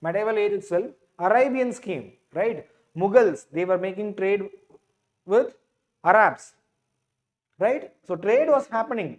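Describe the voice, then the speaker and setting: A man's voice: high-pitched, normal speed, pauses often, highs cut off. A man with a Tamil accent teaching an exam class in a didactic way, repeating phrases and checking with questions. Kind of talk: live online lecture in English with some Tamil.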